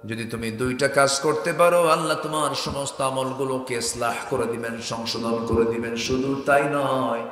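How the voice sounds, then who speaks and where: A man from Bangladesh preaching a waz sermon and telling a story, his voice swinging from soft to loud bursts. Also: mid-range voice, steady tone, moderate pace, few pauses. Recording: echoey hall with long reverb.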